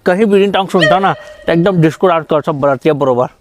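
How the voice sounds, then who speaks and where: A man's voice: on the high side, quick pace. A man with a Chhattisgarhi accent, acting in a comedy sketch and telling a boastful story. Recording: noisy background.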